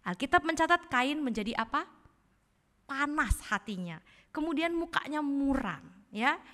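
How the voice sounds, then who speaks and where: Brief: woman preacher, lively, questioning the pews, high pitch, roomy church hall. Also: measured pace. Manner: asks the congregation questions, playful asides. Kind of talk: lively sermon.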